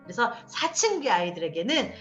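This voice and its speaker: A fairly high-voiced woman lectures parents over a video call, her pitch swinging widely as she acts out family scenes. The audio is muffled and lo-fi, with faint music underneath. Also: big pitch swings, normal speed.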